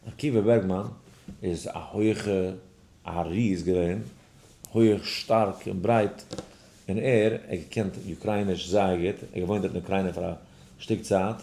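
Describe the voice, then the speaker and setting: Lowish-voiced man telling a story in a lesson. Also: unhurried, vocal fry. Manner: animated storyteller, acts out other voices. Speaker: rabbi teaching a daily study class. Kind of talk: lesson with a told personal story. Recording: roomy echo.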